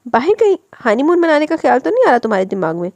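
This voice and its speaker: A woman voicing a calm, patient older husband. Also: high-pitched, quick pace, no room sound, voice pushed up. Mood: teasing. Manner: soft, tired and patient.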